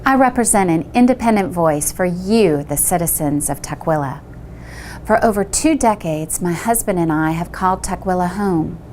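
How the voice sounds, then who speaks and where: Direct woman making a campaign pitch. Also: a little mellow, a little hiss or hum. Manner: direct, firm. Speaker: city council candidate. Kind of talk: campaign statement.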